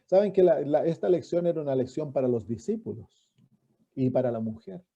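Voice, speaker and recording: A man's voice: medium pitch, a little fast, mellow. A man, preaching a sermon as a pastor, reading scripture and asking his listeners questions. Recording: dull lo-fi recording.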